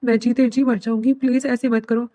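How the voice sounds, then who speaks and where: A woman's voice: on the high side, level tone, mellow, dry recording, natural voice. Woman reading as a tearful pleading young woman.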